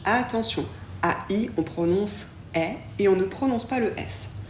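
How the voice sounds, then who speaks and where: A woman teaching a French lesson, saying each example slowly and pronouncing it clearly. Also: medium pitch. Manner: slow, clearly articulated model pronunciations. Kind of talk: language lesson. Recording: echoey room with faint background hiss.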